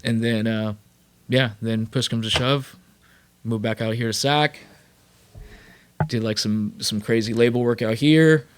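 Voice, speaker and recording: A man from California, a rapper and producer, telling his career story as a podcast guest in a loose, animated way full of fillers and swearing. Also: medium pitch, unhurried, pauses often, a little hiss or hum. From Sacramento, California. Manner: animated, profane, lots of fillers. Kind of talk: casual storytelling.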